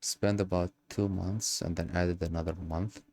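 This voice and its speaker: A young man from Algeria telling his own story in a casual monologue, pausing often and hunting for words. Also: deep voice, flat delivery, darkish tone. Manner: hesitant, searching for words with many fillers. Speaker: channel host.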